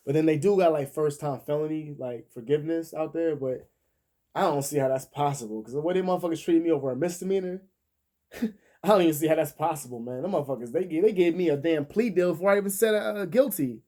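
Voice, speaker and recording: A man's voice: on the high side, fast, warm tone. A man in his thirties telling a story in a casual, profane way, laughing often and acting out the people he quotes. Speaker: vlogger.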